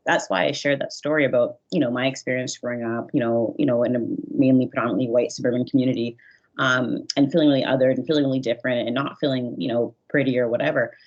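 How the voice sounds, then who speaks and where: Woman guest speaker on a video call, kinda husky, dull lo-fi audio, talks earnest and loose. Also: extremely low pitch, darkish tone. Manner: earnest, conversational, many fillers and restarts. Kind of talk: online workshop presentation.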